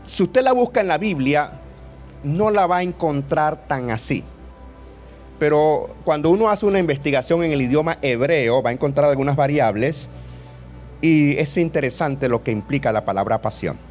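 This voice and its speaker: A man in his fifties preaches a sermon, bantering with the congregation and asking them questions. His voice sits fairly high for a man. Soft music plays behind him. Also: normal speed. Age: 50s. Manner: lively, jokes and questions with the audience.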